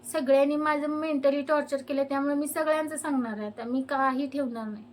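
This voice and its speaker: Young woman, high voice, fed-up vlog rant. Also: fairly even intonation, fairly quick, a little hiss or hum. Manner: fed-up ranting. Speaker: vlogger. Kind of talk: complaining to camera.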